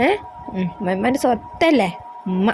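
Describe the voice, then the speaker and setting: A woman's voice: medium pitch, animated, normal speed, over music, natural voice. A woman playing an older grandmother in a homemade family skit. The grandmother coos over one grandson and scolds the others. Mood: doting. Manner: coaxing and scolding by turns, sing-song baby talk.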